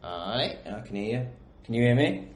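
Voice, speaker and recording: A man's voice: mid-range voice, expressive, moderate pace. Chatty man in an echoey room. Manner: chatty, jokey, calls people brother. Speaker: co-host. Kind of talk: casual online audio chat. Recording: echoey room with faint noise.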